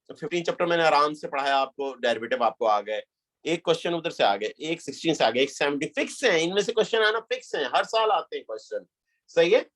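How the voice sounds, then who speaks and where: A man's voice: a little high, a bit bright. Male math teacher lecturing. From Pakistan. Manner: explains step by step, mixes English terms, asks "clear?". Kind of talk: classroom lecture.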